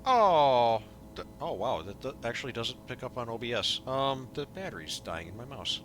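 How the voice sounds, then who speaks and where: A man chatting casually while streaming a game, animated and prone to swearing. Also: medium pitch, moderate pace, soft background music. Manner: animated, swears, laughs often. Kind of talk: casual gaming chat.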